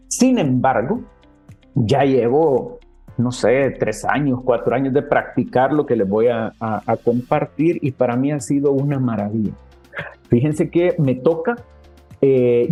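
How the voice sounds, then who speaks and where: Man, church teacher, chatty, faint music underneath. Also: on the high side. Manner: warm conversational, addresses listeners as brothers. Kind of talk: casual teaching talk. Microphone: webcam.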